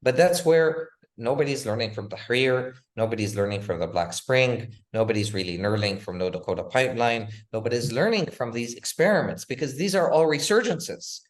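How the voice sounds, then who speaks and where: A man's voice: medium pitch, expressive, normal speed, few pauses. A man speaking as a guest author in an interview, talking with passion and rhetorical force, leaning on repeated "again" and "right?" as he presses his points. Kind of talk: impassioned interview talk.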